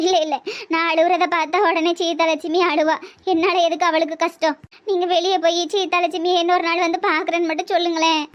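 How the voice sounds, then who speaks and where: Cartoon கதாபாத்திரம்: பெண் நடிக்கும் பெருமையும் வேதனையும் கொண்ட மூதாட்டி, நெல்லை வழக்கு, மிக உயர்ந்த குரலில் அழுகை கலந்த பேச்சு. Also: female voice, very high-pitched, flat delivery, brisk, muffled recording. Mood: hurt, tearful. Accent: Tirunelveli Tamil. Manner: sobbing, pleading. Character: tearful elderly rich woman, proud and hurt. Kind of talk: cartoon voice acting.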